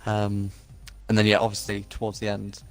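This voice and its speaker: A man's voice: lowish voice, monotone, moderate pace. A man, co-hosting and driving in a racing league, talking casually after the race. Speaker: race league co-host and driver. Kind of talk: post-race chat.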